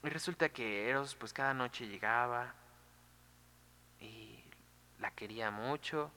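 Man, casual animated storyteller, bright tone, reverberant hall. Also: mid-range voice, slow. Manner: animated, chatty, full of fillers.

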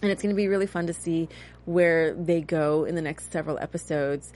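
A woman in her thirties talks through a TV episode in a loose, chatty recap. Her voice sits a little low, and she moves between animated and slightly cynical. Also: a little fast. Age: 30s. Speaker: host. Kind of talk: casual TV recap chat.

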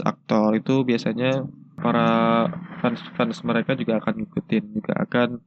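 A young man with a cold and a stuffy, congested nose, hosting a casual solo podcast in a hesitant, halting way. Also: mid-range voice, a little mellow, slight background noise. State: has a cold with a blocked nose. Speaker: podcast host. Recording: dull lo-fi, dry sound.

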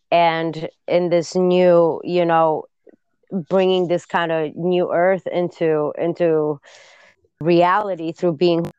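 A woman's voice: lowish voice, a little mellow, clean tone, dry recording, muffled recording. A woman talking in a hesitant casual chat over an online call, her audio breaking up and cutting out, with many fillers and restarts.

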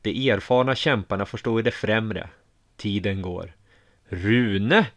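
Calm low-voiced male storyteller. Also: gravelly. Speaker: narrator. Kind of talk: first-person audiobook narration.

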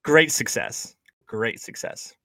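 A man's voice: mid-range voice, expressive, creaky, a bit bright, no room sound. A man of thirty hosting a casual podcast chat with his brother over a laptop call, upbeat and joking. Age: 30s. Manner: upbeat, joking, quick asides. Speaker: podcast host. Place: small apartment at home. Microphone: remote call from a laptop.

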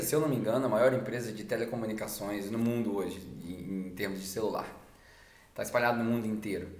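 A man from Brazil with a Brazilian Portuguese accent, hosting a podcast and telling personal stories casually. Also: fairly low pitch. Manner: casual, conversational, acts out quoted dialogue. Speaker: podcast host. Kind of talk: reflective personal storytelling. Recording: roomy echo.

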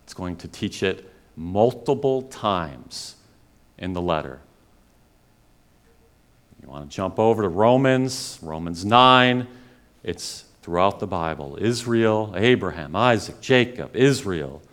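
Male pastor, measured sermon delivery, earnest and pleading with emphatic swells. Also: low voice, expressive. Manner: earnest, pleading, rises to emphatic peaks then drops quiet.

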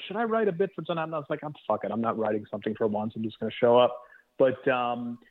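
A man calling in to a podcast by regular phone, his voice thin and without bass, chatting casually with rambling jokes and frequent restarts. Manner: rambling, joking, self-interrupting. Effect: thin phone-line sound with no bass. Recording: tinny phone line.

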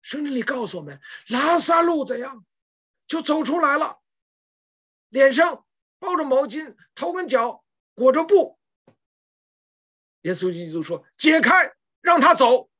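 A woman's voice: high voice, big pitch swings, unhurried, pauses often, lo-fi sound. A woman preaching a sermon, retelling scripture stories with emphatic rhetorical questions.

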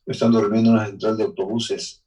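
A man's voice: lowish voice, little pitch movement, fast talker, dark tone, far from the mic, rough recording. A man from Mexico with a Mexican accent, telling his life story in an interview in an earnest, emotional way, sometimes restarting his sentences. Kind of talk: personal life testimony.

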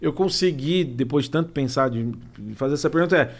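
A man, a comedian and impressionist chatting casually on a podcast, self-deprecating, with frequent restarts. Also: brisk. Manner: self-deprecating, restarts often, shifts pitch to imitate.

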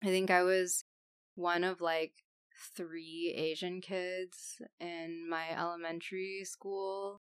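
Slow, smooth-voiced woman from Texas. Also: fairly low pitch, level tone, no room sound, studio quality. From Texas, United States. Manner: unhurried, tentative, with "like" and "I don't know". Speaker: podcast guest. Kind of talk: casual chat.

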